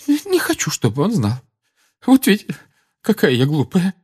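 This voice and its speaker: A male audiobook reader voicing a distraught middle-aged mother who is crying and wailing in a high, breaking voice. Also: wildly swooping pitch, normal speed, a little mellow, breathy edge, full character voice. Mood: tearful. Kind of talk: audiobook character voice.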